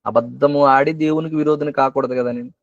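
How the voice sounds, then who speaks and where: A man's voice: mid-range voice, steady tone, quick pace, vocal fry, dry recording, highs cut off. A man preaching a sermon at an online prayer meeting who keeps asking questions and repeating phrases for emphasis. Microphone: video call.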